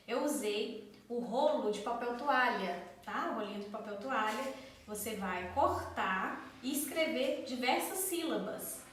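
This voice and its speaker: A woman's voice: high voice, fairly bright tone. A woman school coordinator gives parents patient, step-by-step literacy tips. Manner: patient, explains step by step, claps out syllables. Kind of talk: instructional explanation for parents. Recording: very echoey room, distant mic, faint noise.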